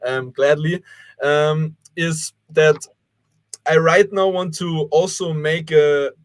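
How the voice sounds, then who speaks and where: A young Austrian man, a guest who organizes youth cleanups, answers on a casual livestream panel. His voice sits on the high side, steady and slow, and his reply rambles with plenty of fillers.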